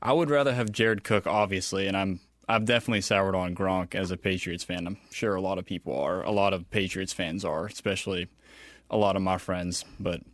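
A man co-hosts a casual sports talk show. His voice sits low and sounds dry and close. He speaks in an easygoing, agreeable way, like a fan chatting with a friend. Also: steady tone, a little fast, fairly bright tone, dry recording. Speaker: co-host.

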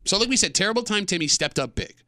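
A man's voice: sits high, animated, quick pace, bright, forceful tone, no room sound. A male radio co-host in casual on-air banter, teasing and accusing a colleague on a studio mic.

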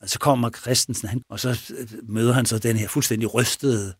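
A man casually retelling a true crime story, animated and chuckling as he goes, often checking in with his listener. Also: medium pitch, slightly rough, no room sound, clean studio sound. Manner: chuckling, animated, asks for agreement.

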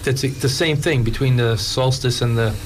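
A man's voice: mid-range voice, steady tone, moderate pace. A man co-hosting a radio show, explaining things in casual conversation. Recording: faint background noise.

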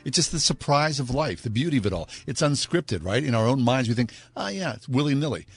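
A man's voice: medium pitch, expressive, fairly quick, slightly rough, no echo. A man hosting live radio, making a folksy, direct fundraising appeal to listeners. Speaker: radio host.

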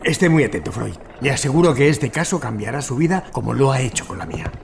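A man's voice: medium pitch, sing-song, fast talker, creaky, noisy background. A man playing an earnest, commanding physician and hypnotist in a period audio drama.

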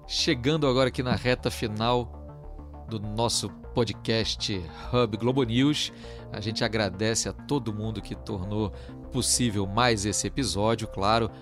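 A man hosting a news podcast, explaining in a measured way with frequent "é" fillers. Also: on the low side. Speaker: podcast host.

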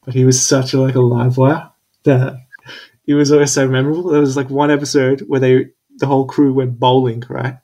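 Young guy chatting, mellow dark voice, kinda monotone, lotsa ums. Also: medium pitch, a little fast. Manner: laid-back, hesitant, many fillers. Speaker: conversation partner. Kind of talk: casual chat.

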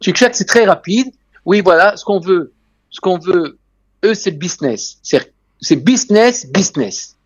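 A high-pitched, husky man with lively intonation and a measured pace shares travel anecdotes conversationally in French, his accent foreign and Israeli. As an interview guest and real estate and tourism businessman, he repeats key phrases emphatically. No room sound is audible.

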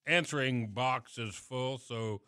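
A man hosting a casual live radio interview, talking in a loose, halting way. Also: medium pitch, sharp tone, clean tone, no room sound, clean studio sound. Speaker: radio show host.

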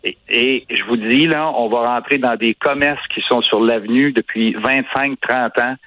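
A man's voice: medium pitch, normal speed, sharp tone, no room sound, low-quality recording. Emphatic Quebec French man, dry sound. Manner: insistent, emphatic, repeats points. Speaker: business association director. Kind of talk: radio interview guest.

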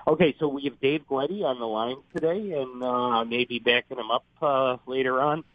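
An American man phoning in to a radio show as a business guest, making a conversational sales pitch. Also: moderate pace, no room sound. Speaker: business guest promoting services. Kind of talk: conversational phone-in sales talk. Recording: dull, band-limited live phone line.

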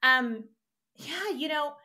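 A woman's voice: sits high, lively intonation, slow, pushed and bright. A young adult American woman speaking earnestly and reflectively as a guest, with many fillers. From United States. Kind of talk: reflective conversation.

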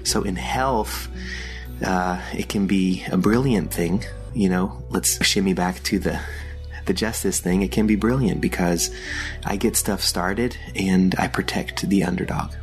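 A man with an Austrian German accent, hosting a podcast and explaining ideas slowly and thoughtfully, with frequent fillers. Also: low-pitched, creaky. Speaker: podcast host. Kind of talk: solo podcast teaching.

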